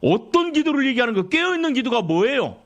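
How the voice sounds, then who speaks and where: High-voiced male pastor preaching. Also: sing-song, fast. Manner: asks the congregation questions and answers them; quotes scripture and acts out complaining believers. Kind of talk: sermon. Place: church sanctuary.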